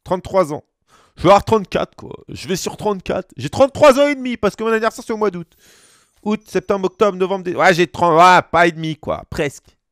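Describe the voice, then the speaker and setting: A man in his thirties from France chats through a live gaming stream, his voice pitched high and bouncing up and down. He talks in slangy, joking asides to his viewers. The sound is close and dry, with no room around it. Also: animated, a little fast, fairly bright tone, no echo. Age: 30s. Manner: slangy, joking banter with chat. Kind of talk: casual gaming stream chat.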